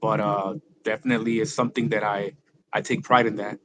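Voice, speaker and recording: On the low side and fairly quick, with a flat delivery, this Spanish-speaking-born rapper from Mexico who grew up in California talks loosely in an interview, packed with slang and restarts. Background noise is present.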